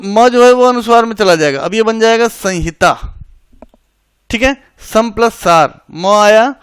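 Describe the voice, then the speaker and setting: A man's voice: sits high, fairly bright tone, smooth, no room sound, clean studio sound. A man teaching a grammar lesson for exam preparation, explaining each rule step by step, repeating it and checking that students follow, with English words mixed in. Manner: mixes English words into Hindi.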